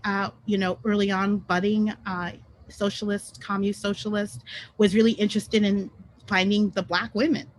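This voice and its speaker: A woman whose first language is French, with a medium-pitched voice, speaks conversationally as a guest on an online panel webinar, full of ums and self-corrections. It's over a video call, and the recording is rough.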